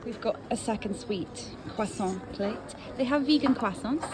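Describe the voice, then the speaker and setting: A woman's voice: on the high side, normal speed. A woman chatting casually on location as she presents food for a vlog. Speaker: vlogger presenting food on camera. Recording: loud crowd and venue noise. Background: busy crowd, ambient noise.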